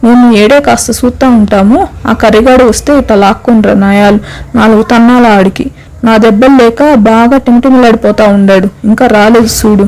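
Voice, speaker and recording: A woman's voice: on the high side, fairly even intonation, moderate pace, darkish tone, lightly acted, low-quality recording. A woman voicing a bold village woman who speaks in rustic, blunt, scolding talk.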